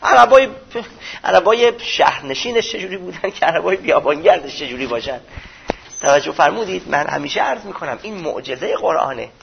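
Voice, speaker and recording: A man's voice: on the high side, expressive, vocal fry, highs cut off, slight background noise. A man giving a religious lecture, explaining old texts in plain everyday speech.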